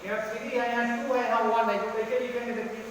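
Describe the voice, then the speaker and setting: A man's voice: extremely high pitch, fairly even intonation, quick pace. A male school math teacher, teaching a classroom lesson. He asks questions, answers them himself and repeats the key terms. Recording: very echoey classroom, faint room noise.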